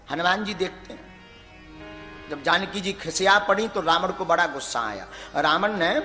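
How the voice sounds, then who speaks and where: Preacher guy, high and bright, swings his voice all over telling the story, echoey hall with music under it. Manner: dramatic, acts out dialogue, chants verses. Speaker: religious storyteller. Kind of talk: devotional sermon storytelling.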